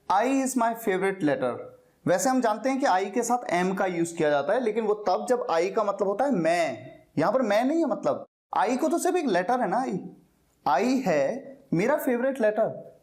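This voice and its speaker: A man teaching an English lesson, explaining step by step and slowly repeating key words. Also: high voice, darkish tone.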